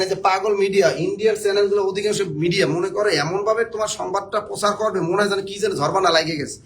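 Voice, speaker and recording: A man's voice: high-pitched, fairly bright tone, a little hiss or hum. A man from Bangladesh, teaching a spelling lesson for job exams, joking and quizzing his viewers.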